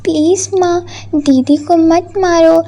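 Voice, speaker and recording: A timid little girl in a cartoon story begs in a soft, high voice, as a woman puts her on. She sounds meek and pleading. Her pace is slow. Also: fairly even intonation, exaggerated voice. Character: young girl, youngest sister, pleading. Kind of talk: cartoon voice acting.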